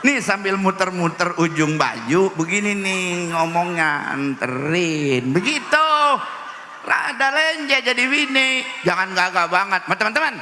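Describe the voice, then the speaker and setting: A middle-aged man preaches in a joking way and slips into the voices of the people he quotes. His voice is bright and a little high, and he talks slowly and deliberately. A long, roomy reverb from the large hall follows his words, with faint noise behind. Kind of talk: humorous religious sermon. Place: large hall at a religious celebration.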